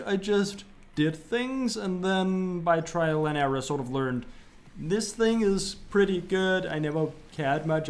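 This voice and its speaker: A man co-hosting a podcast, chatting casually and loosely, swearing freely and getting animated as he recalls things. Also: mid-range voice. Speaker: podcast co-host. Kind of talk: casual chat.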